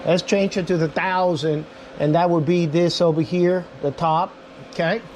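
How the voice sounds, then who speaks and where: In a steady, fairly high and slightly mellow voice, a man demos a radio at a moderate pace, loosely and without a script. He speaks to viewers as their reviewer, calling them "guys," with a little hiss or hum in the recording.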